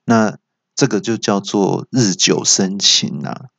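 A man with a Taiwanese Mandarin accent telling comic stories in a chatty monologue, stumbling and restarting with excited outbursts. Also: on the low side, slow, creaky, dry recording. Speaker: stand-up comedian. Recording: slightly dull, dry recording.

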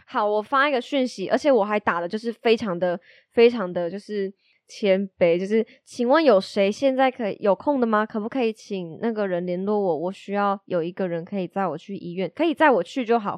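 A woman's voice: medium pitch, no echo. A woman co-hosting a casual podcast, teasing her partner and telling stories. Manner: teasing, quick and joking. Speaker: podcast co-host. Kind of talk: casual chat, storytelling.

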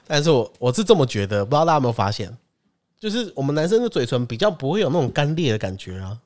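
Twenties male co-host, Taiwanese Mandarin accent, lively pitched storyteller. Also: quick pace. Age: 20s. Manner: animated storyteller, acts out other people's lines. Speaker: podcast co-host. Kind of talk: casual chat.

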